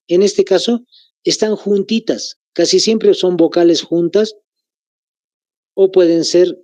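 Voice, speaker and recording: A man's voice: fairly high pitch, mellow, no echo. Bolivian man dictating a grammar lesson. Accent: Bolivian Spanish. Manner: repeats phrases slowly for note-taking. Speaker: teacher.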